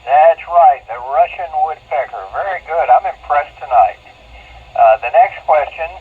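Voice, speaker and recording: A man hosting a ham radio net, running a trivia quiz as an upbeat quizmaster who is quick to praise answers, heard over a radio link with static. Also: a little high, breathy edge. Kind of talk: on-air trivia quiz with check-ins. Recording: tinny, narrow-band radio transmission.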